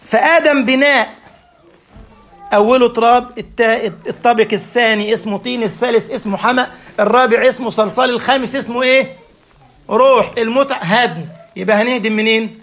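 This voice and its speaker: A man's voice: very high voice, brisk, a bit bright. A man with an Egyptian Arabic accent giving a religious lecture. He asks his listeners rhetorical questions and answers them himself, explaining step by step with everyday examples. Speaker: preacher.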